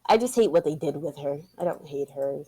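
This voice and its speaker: A woman co-hosting a casual podcast. Her voice is lively and swings widely as she acts out quotes and laughs, swearing freely. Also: deep voice, fairly quick, slightly rough. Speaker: podcast co-host. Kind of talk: casual chat. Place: home setup on a live stream.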